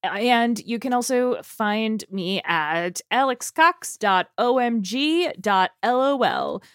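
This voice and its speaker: A woman's voice: a little high, animated, slow pace, no room sound, clean studio sound. A woman co-hosting a podcast, chatting casually as she signs off, rambling and restarting her sentences. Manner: rambling, self-interrupting, laughing easily. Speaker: podcast co-host. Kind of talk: casual podcast sign-off chat.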